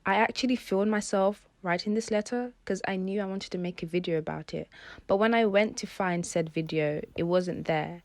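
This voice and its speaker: A woman in her early twenties talks reflectively in a personal vlog, her voice at medium pitch and normal speed. Prominent music plays in the background.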